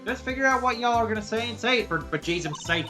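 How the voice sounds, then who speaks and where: A woman voicing a brash, touchy southern woman photographer in a video game, with an exaggerated Southern drawl and a loud, folksy, combative manner. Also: a little high, animated, fast, soft background music, pitched above the performer's own voice. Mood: feisty. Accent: exaggerated American Southern drawl, put on.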